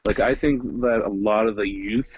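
A man's voice: lowish voice, normal speed, dull audio, a little hiss or hum. A man co-hosting a casual podcast, talking in a chatty, easygoing way. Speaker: podcast co-host.

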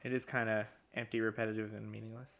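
A man's voice: lowish voice, level tone, quick pace, gravelly, fairly bright tone. A man co-hosting a casual book-discussion podcast, chatty and laughing often. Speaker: podcast co-host.

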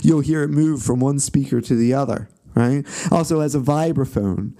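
Man, lecturer, mellow voice, loose classroom talk, lots of fillers and restarts. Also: medium pitch, normal speed. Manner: conversational, many fillers and restarts, tag questions. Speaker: music history lecturer.

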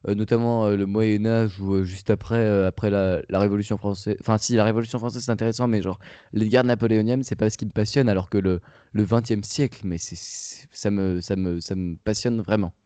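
Young guy, dark mellow voice, lots of euh and restarts, chatty. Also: lowish voice, fairly even intonation, fairly quick, dry recording. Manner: hesitant, many fillers and restarts. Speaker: podcast co-host. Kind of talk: casual chat.

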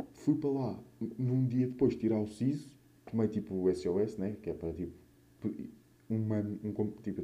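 A man's voice: fairly low pitch, mellow, highs cut off. A young man with a European Portuguese accent chatting casually and alone as a host, rambling through anecdotes with slang and swearing, his mouth a bit swollen after wisdom tooth removal. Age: young adult. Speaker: podcast or vlog host.

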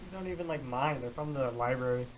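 A man's voice: medium pitch, fast, background noise. A teenage boy hosting a casual podcast, joking, swearing freely and laughing between lines. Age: teens. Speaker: podcast host. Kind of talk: casual chat. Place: indoors, in person with a co-host.

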